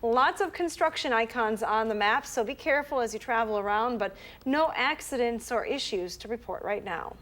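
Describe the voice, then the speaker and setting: A woman giving the morning weather and traffic report in a brisk, upbeat way. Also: on the high side, fairly bright tone. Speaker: meteorologist.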